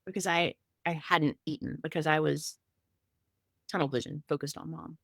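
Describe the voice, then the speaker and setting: With a deep, gravelly, fairly bright voice and a steady tone, a middle-aged woman shares her grief story on a podcast at a moderate pace. Her casual storytelling is candid and emotional, peppered with fillers and restarts, in echo-free studio quality.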